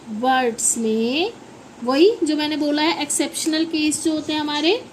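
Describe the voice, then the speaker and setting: A high-pitched Indian woman teaches children English sounds at an unhurried pace. She spells each word slowly, letter by letter, then asks the class to say it back. A faint hiss sits under her voice. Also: darkish tone, rough recording. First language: Hindi. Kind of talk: phonics lesson for children.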